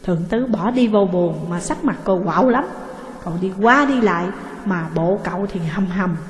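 Woman reading a story out loud, mid pitch, lots of room echo. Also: normal speed. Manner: steady, expressive storytelling. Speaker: narrator. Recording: echoey room with long reverb.

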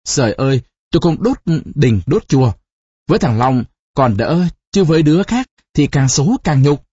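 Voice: mid-range voice, very animated, moderate pace, warm tone, breathy edge, no room sound, dull audio. A narrator voicing a frightened young village daughter who stammers and pleads. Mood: upset.

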